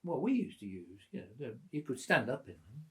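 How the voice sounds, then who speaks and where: A man in his eighties telling lively family stories at home, chuckling and acting out the voices of the people in them. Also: medium pitch, fairly quick, background noise. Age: 80s. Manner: lively, chuckling storyteller who acts out quoted voices. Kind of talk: casual storytelling at a family gathering.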